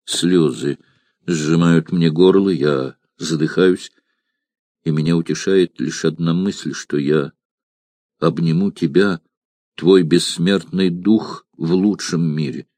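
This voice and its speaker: A man's voice: low voice, slow pace, warm tone, dry recording, pitched below the performer's own voice. A man reading an audiobook, giving voice to a doomed rebel leader's solemn, heartfelt farewell letter.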